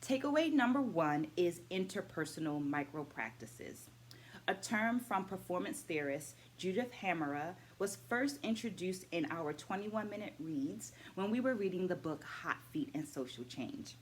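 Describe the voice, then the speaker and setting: A middle-aged dance educator shares her takeaways from a book in a measured vlog, laying out her points in lists. Her lowish voice is animated, she asks viewers questions and invites comments, and there's a little hiss or hum in the background.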